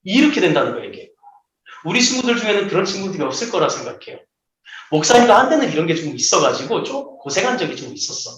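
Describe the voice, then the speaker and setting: A high-voiced man preaches to a room of children, his pitch climbing and dropping all over. He keeps slipping into the voices of the people in his stories. The sound rings around an echoey church hall. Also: fast talker. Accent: Seoul Korean. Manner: lively, acts out quoted voices. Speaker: children's pastor. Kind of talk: sermon to children.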